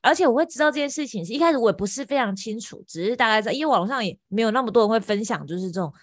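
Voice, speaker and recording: A woman's voice: on the high side, animated, very fast, dry recording. A woman co-hosting a casual podcast chat, explaining at length in a chatty way. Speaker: podcast co-host.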